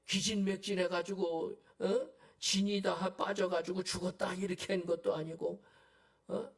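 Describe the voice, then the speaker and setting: A male pastor delivers a Sunday sermon in a church, talking to the congregation with constant rhetorical questions and dropping now and then into hushed asides. His voice sits high for a man and has a husky, breathy edge. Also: level tone, a little slow. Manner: conversational preaching with rhetorical questions and sudden quiet asides. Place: church sanctuary.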